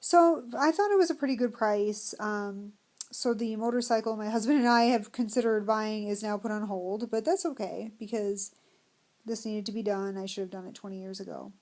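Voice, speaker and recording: A middle-aged American woman talking casually in a personal vlog, candid and self-deprecating, often pausing mid-thought. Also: mid-range voice, a little mellow. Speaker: vlogger.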